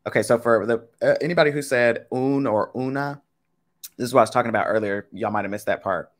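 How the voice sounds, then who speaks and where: A fast-talking young man with a medium-pitched voice hosts a live Spanish game lesson online. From a home webcam he speaks directly to viewers, chatty and casual, chatting with y'all.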